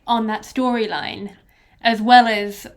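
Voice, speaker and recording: A woman co-hosting a podcast, chatting casually and giving brisk, clear summaries. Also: a little high, level tone. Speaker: podcast co-host. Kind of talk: casual conversational podcast chat.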